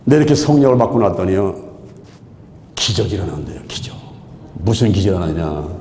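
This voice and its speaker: A man in his sixties preaching, telling his story with lively, exclamatory repeats. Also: low voice, brisk, slight background noise. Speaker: pastor. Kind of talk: sermon testimony. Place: large hall at a prayer retreat. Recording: echoey hall with long reverb.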